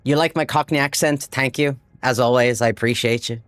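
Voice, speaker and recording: An Irish man chatting casually while livestreaming a game, excitable and swearing freely as he talks to his chat. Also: medium pitch, fairly quick, smooth, dry recording. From Ireland. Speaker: livestream gamer. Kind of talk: casual live gameplay chat.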